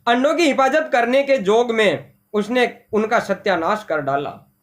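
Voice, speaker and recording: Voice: mid-range voice, unhurried. A patient teacher walks students through a story line by line. The teacher rephrases hard words and repeats key points. Rhetorical questions keep the explanation moving. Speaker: Hindi teacher. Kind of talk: explaining a textbook story to a class.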